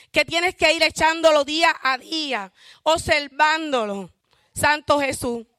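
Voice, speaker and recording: In clean studio sound with no room echo, a high-voiced woman gives a fervent church testimony, calling out hallelujahs. She describes herself as a loud shouter.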